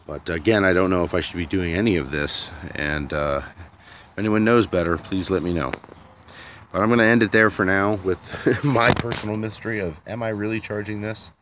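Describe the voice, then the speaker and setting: In a sunny yard, a DIY vlogger speaks at a moderate pace in a deep voice, wandering through his thoughts uncertainly as he films on his phone. The background is noisy.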